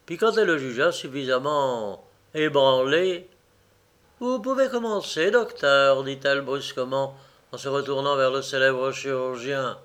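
A man reading a classic novel aloud in a slow, measured, expressive narration. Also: mid-range voice. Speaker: audiobook reader.

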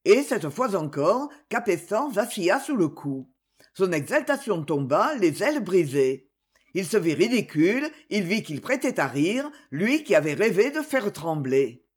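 Audiobook narrator, woman; expressive, wide-ranging pitch, husky tone. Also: a little slow. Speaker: audiobook reader. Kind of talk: novel narration.

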